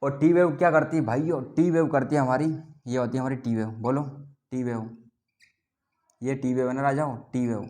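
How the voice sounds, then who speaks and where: A man's voice: mid-range voice, fairly even intonation, normal speed, darkish tone. Guy teaching bio class, makes students repeat stuff back, jokey teasing, mixed with terms, normal middle voice. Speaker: biology teacher. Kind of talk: classroom lecture with call-and-response.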